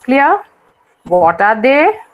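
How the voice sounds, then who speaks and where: A woman's voice: high-pitched, big pitch swings, very slow, muffled recording. A woman lecturer with an Indian English accent teaching a class, repeating her points and often asking students whether they follow.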